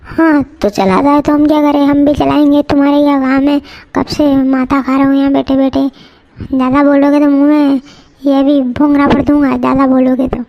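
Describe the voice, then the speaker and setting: Woman doing a cranky malwi chai stall guy in a cartoon, high flat voice, muffled lo-fi sound. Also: normal speed. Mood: gruff. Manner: blunt, scolding village banter. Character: rustic village tea-stall man, gruff and quick-tempered.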